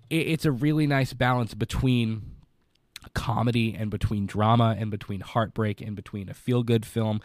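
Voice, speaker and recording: A young man with a congested, stuffed-up voice hosts a casual live movie podcast from his basement, rambling and repeating words as he reviews. His voice sits in the mid-range and sounds slightly mellow. The recording is clean studio sound with no room echo.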